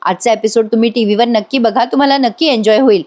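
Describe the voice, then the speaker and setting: A woman's voice: a little high, quick pace, a little mellow. A woman giving a chatty voice-over review of a TV serial episode, exclaiming and speaking straight to her audience.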